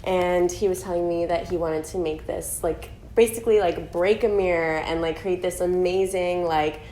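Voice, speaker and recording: A woman's voice: on the low side, fairly even intonation, normal speed, dark tone, roomy sound, a little hiss or hum, poor audio. A woman musician chatting casually as an interview guest, laughing often and filling her talk with "um" and "like".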